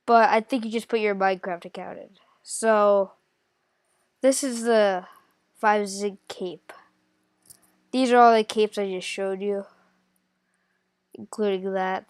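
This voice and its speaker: A gaming tutorial creator speaks in a clean, mid-range voice, recorded with no room sound and clean studio quality. Nose stuffy from a cold, she walks through a casual screen-recorded game while thinking aloud, hesitant, with many pauses and self-corrections.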